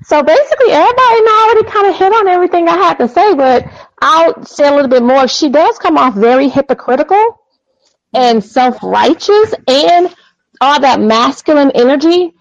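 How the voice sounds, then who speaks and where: A woman's voice: high voice, animated, normal speed, dry recording. A woman calling in to a talk show over a phone-quality line, giving blunt, opinionated takes. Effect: over a phone-quality call. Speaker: caller. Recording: dry, dull call audio.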